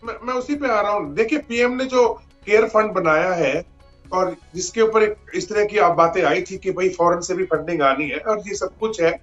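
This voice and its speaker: A man's voice: high voice, moderate pace, a bit bright, soft background music. A man speaking as a political analyst in a TV panel debate, emphatic and stumbling into restarts, on a dull lo-fi remote link.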